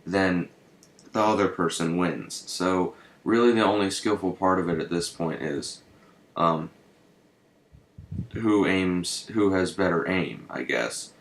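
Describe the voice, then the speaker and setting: A man's voice: low-pitched, slow pace, pauses often. A young man rambling through gameplay commentary, hesitant and full of ums and swearing, shivering from the cold in his room. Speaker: gaming channel host. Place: bedroom with a fan running. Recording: echoey room with loud noise.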